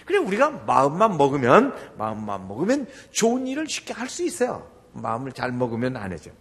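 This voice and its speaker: An older man preaching a sermon, his voice gravelly and husky. He swings his pitch widely and slips into the voices of the people in his stories as he preaches. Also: a little fast. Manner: animated, acts out quoted voices. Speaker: pastor.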